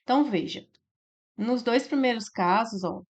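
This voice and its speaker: A woman with a Brazilian Portuguese accent teaching a grammar lesson for exam prep. She explains step by step, slowly drawing out syllables and checking in with "né?" and "tá?". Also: fairly high pitch, a little mellow. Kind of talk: slide-based grammar lesson.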